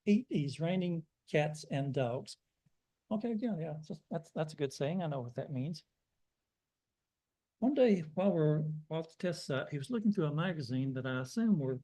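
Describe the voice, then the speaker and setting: A man's voice: fairly high pitch, mellow, low-quality recording. An older American man telling folksy, self-deprecating stories in a sermon. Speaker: guest preacher. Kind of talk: storytelling sermon.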